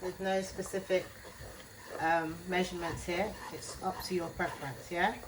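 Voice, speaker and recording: A woman with a lowish, flat voice and a Jamaican accent walks through a cooking tutorial in her home kitchen at a moderate pace. She's a chatty home cook who tacks "yeah?" onto most phrases, and there's noise in the background.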